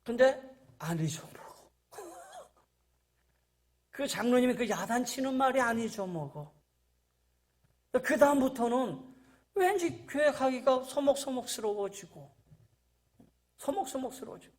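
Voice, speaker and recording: A man's voice: very high voice, sing-song, a little slow, long pauses. A middle-aged man preaching a sermon in a church, telling stories and acting out the voices of the people in them. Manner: storytelling, acting out quoted voices, rising to emphatic peaks. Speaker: pastor. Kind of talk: sermon with anecdotes. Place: church sanctuary.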